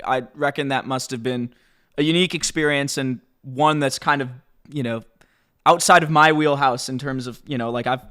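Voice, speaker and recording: A man's voice: on the high side, a bit bright. Guy hosting a podcast, easy conversational chat, lots of likes and you knows. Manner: conversational, many "like" and "you know" fillers. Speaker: podcast host. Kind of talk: casual interview talk.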